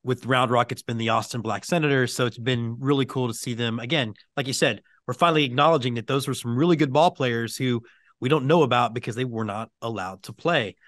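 A man's voice: mid-range voice, fairly quick, a bit bright, no echo, clean studio sound. A man hosting a baseball podcast, joking and playing down his own bits while he interviews a guest. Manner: jokey, self-deprecating. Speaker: podcast host. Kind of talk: casual interview chat.

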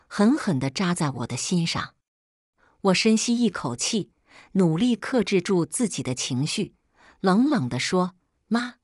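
Woman narrating a drama, lively low voice. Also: no echo, studio quality. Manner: expressive, dramatic reading. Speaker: storyteller. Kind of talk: first-person story narration.

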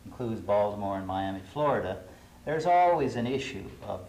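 Measured middle-aged male urban planner. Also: lowish voice, expressive, a little mellow. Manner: measured, thoughtful, with hesitations. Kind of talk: panel discussion. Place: TV studio. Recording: roomy studio with faint hiss.

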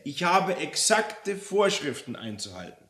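A man's voice: fairly high pitch, big pitch swings, measured pace, fairly bright tone, voice pushed up, heavily acted. A man voicing a meek, harried male devil who works as a rule-bound clerk, reading a story aloud. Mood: fussy. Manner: pleading, apologetic, fussy about rules. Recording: roomy echo.

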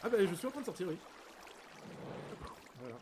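Higher-voiced man explaining politely, noisy audio. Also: very animated, brisk. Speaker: player acting as a police officer in a game role-play. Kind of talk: improvised in-game role-play conversation. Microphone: online game voice chat. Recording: clearly noisy voice chat with clicks.

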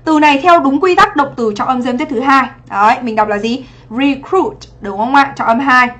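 A woman's voice: sits high, brisk, a bit bright. A young adult woman from Vietnam teaching English on a livestream exam review, chatty and constantly checking in with rhetorical questions.

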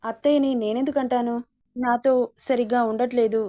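A woman reading as a gentle, devoted young wife. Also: a little high, fairly even intonation, moderate pace, lightly acted. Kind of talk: storybook reading.

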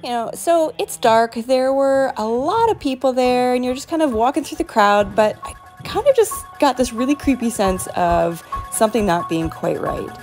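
A woman's voice: a little high, expressive, normal speed, a little mellow. A woman talks in a chatty, upbeat vlog manner into a phone held at arm's length. She is outdoors at night, with faint music somewhere behind her. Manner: chatty, upbeat selfie commentary. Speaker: real estate vlogger. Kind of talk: casual vlog tour. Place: outdoors at night at a farm attraction.

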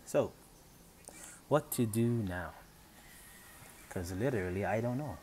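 Recorded on his phone camera in a room with a Christmas tree, a father-of-three channel host unboxes items casually, thinking aloud in a chatty, uncertain manner. His voice sits on the low side with a darkish tone, animated yet slow-paced, over slight background noise.

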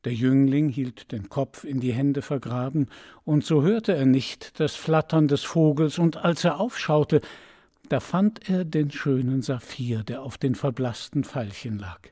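A man narrating a fairy tale for an audiobook in a calm, measured way. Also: mid-range voice.

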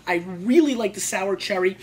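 Casting: female wine show host, mid-pitched, colloquial and emphatic sommelier tasting notes with repeated phrases, some room noise behind. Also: animated, normal speed.

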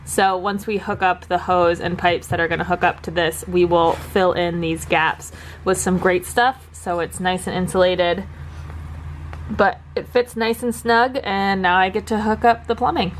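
A young adult woman vlogger explains the plumbing steps of her bus build from inside the bus under conversion, in a practical, step-by-step DIY how-to with frequent ums. Her voice is on the low side, with fairly even intonation, a measured pace and a little hiss or hum.

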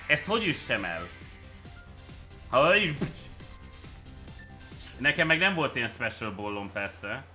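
A Hungarian man streaming a game with viewers, cheering and shouting at plays and then muttering to himself. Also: medium pitch, big pitch swings, long pauses, soft background music. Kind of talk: excited live game commentary.

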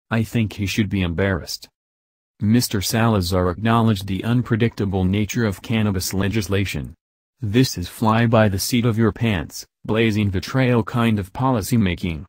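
A man reads a news story in a low, close, dry voice. He keeps it even and measured, reading the quotes without acting them. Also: dry recording. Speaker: news reader. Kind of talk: read-aloud news article.

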